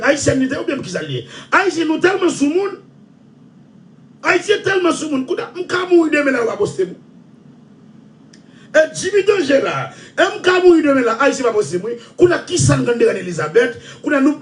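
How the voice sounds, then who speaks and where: A man with a Haitian Creole accent, ranting loudly and repeating himself. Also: very high-pitched, far from the mic. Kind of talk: impassioned rant.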